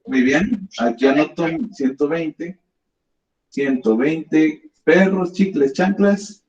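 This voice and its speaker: A man teaches a math lesson, patient and guiding, his voice a bit higher than most. The classroom rings with echo, and the recording sounds dull and lo-fi. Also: takes it slowly, darkish tone. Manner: patient, guiding students step by step.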